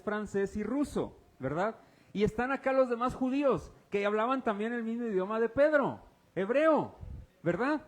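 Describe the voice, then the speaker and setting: A pastor leads a lively church sermon, constantly quizzing the congregation and joking with volunteers. His speaking voice sits notably high for a man. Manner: quizzes the congregation, casual and teasing. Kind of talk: interactive sermon. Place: church service before a congregation.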